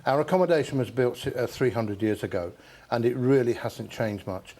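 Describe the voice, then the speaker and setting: A man's voice: medium pitch, moderate pace, a little mellow. An older man, a military veteran, chatting as a TV guest and sometimes repeating words as he starts. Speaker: Chelsea Pensioner, veteran guest. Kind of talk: casual TV interview.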